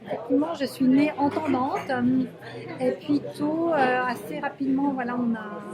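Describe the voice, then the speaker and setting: A woman sign language interpreter voicing an interview in the first person, halting and searching for words, in a café. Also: high-pitched, crowd noise. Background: loud music.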